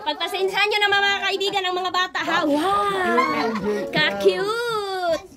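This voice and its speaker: A very high-pitched woman keeps exclaiming as she talks to her viewers, in an unhurried rhythm. A loud crowd of voices surrounds her the whole time. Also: steady tone. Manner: exclaims constantly, addresses viewers as friends. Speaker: vlogger. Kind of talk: excited unboxing vlog. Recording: loud crowd of people around.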